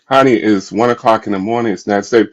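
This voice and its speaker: A man voicing a meek, apologetic young husband who pleads softly with his wife. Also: on the low side, fast talker, close to an everyday voice. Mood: pleading.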